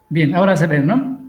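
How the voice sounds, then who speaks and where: A middle-aged man, giving an online lecture and explaining with pauses and fillers. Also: fairly high pitch. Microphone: computer mic on a video call.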